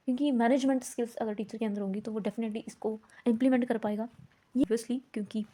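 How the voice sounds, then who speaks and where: A woman gives a lecture on teaching methods. Her voice sits a little high but sounds warm and mellow. She drops English terms into her sentences and keeps asking the listener "है ना?". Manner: mixes English terms into Hindi, frequent "है ना?" checks. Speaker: teacher educator. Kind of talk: explanatory lecture.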